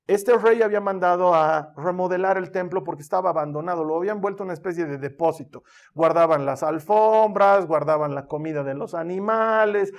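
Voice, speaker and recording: A male pastor, preaching a sermon with dramatic storytelling, acting out voices and moving from hushed to loud. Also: high voice.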